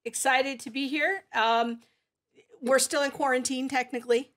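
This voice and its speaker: Woman, co-host, casual live chat, upbeat, chatty, fairly high voice. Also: fairly even intonation, normal speed, fairly bright tone. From California. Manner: chatty, upbeat, laughs often.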